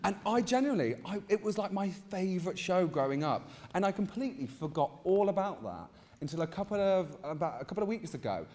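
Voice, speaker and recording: A man's voice: high-pitched, big pitch swings, brisk, darkish tone. A British man in his mid twenties with a chatty, campy, gushing manner, telling personal stories casually as an interview guest. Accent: British English. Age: mid 20s. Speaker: interviewed guest, drag queen gardener. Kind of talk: casual personal storytelling on stage. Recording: reverberant hall, live event sound.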